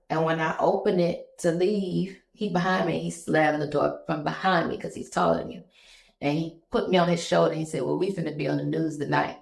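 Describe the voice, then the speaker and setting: A woman in her thirties, a business owner telling stories in a relaxed, conversational interview chat. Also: lowish voice, vocal fry. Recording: echoey room.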